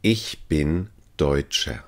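Speaking with an extremely low pitch and at an extremely slow pace, a man teaches language phrases. He drills each phrase three times, carefully and evenly.

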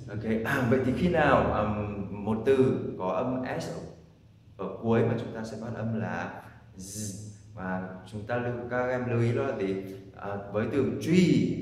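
A man's voice: on the low side, a little mellow. A man teaching English pronunciation, drilling each word in repeated sets. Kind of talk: pronunciation lesson. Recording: echoey hall from far off.

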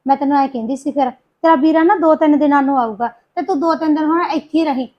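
A woman's voice: high-pitched, quick pace, dull audio, close to an everyday voice. A woman playing a talkative, scheming village sister-in-law in a family drama, speaking with a Punjabi accent and a coaxing, gossipy manner. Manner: chatty, coaxing, scheming asides. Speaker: sister-in-law in a short film.

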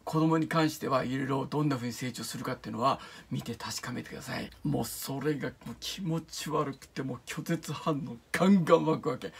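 A man hosting his own channel, telling a film's setup in a casual review and often dropping into a hushed whisper for the eerie parts. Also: on the high side, vocal fry, breathy edge. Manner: animated storytelling, often drops into hushed whispers. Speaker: channel host reviewing films. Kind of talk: casual film review talk.

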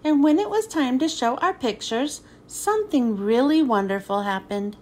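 Here a woman gives an expressive storytelling reading of a children's picture book before thanking her audience. Her pitch is high and her speed is normal.

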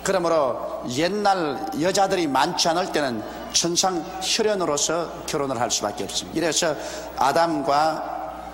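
Older pastor preaching in an echoey hall. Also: male voice, a little high, expressive. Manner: measured, deliberate preaching with pauses and rhetorical questions. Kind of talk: expository sermon. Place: large church sanctuary, behind a wooden pulpit. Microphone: pulpit microphone. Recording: roomy, echoey hall with faint ambience, older broadcast video.

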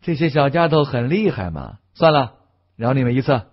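A man's voice: mid-range voice, animated, moderate pace, highs cut off. Man doing a swaggering young cultivator. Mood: teasing. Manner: loud, mocking, swaggering. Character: brash young male cultivator, fearless and teasing.

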